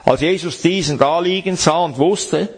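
Husky-voiced man preaching a sermon. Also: a little high, moderate pace. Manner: preaching, reading scripture aloud and explaining it.

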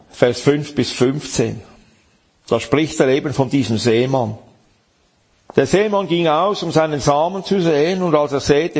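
A man's voice: medium pitch, a little mellow, breathy edge. A man preaching a sermon, emphatic and addressing the listener directly, reading and explaining scripture.

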